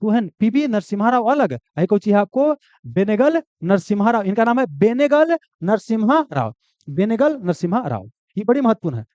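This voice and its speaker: Male coaching teacher, high and animated, drills answers by repeating them, dry, dull recording. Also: moderate pace, dry recording. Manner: lively, repeats key answers, asks and answers own questions. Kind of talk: classroom lecture.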